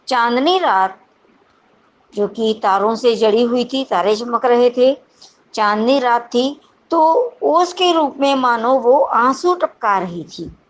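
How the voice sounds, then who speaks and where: A woman teacher speaks unhurriedly, in a fairly high voice. She reads each verse aloud and then carefully restates it in plainer words. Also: a little hiss or hum, poor audio. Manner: reads verse lines aloud, then paraphrases them deliberately. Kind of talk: lesson explaining poetry.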